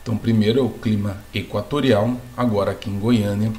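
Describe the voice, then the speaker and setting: A man's voice: fairly low pitch, fairly even intonation, a little fast, a little mellow, a little hiss or hum. A man teaching a geography lesson, explaining step by step, asking the class questions and checking in with them as he goes. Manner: asks the class questions, then answers them. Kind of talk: video lesson.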